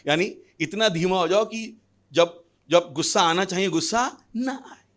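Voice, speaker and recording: A male pastor preaching a sermon, lively with humorous asides and questions thrown to the congregation. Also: high voice, a little slow. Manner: animated preaching with humorous asides and acted voices.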